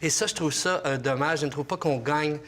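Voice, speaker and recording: A man's voice: a little high, fairly quick, a bit bright. A man speaking as an educator guest on a panel, explaining his view through worked examples with frequent hesitations. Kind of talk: panel discussion.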